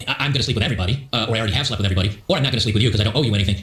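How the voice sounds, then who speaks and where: A male host rants through his opinions in a casual stream, acting out the quotes as he goes. He talks very fast at an ordinary pitch. The sound rings in a roomy echo. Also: a bit bright. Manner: rambling opinionated rant with acted-out quotes. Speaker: show host.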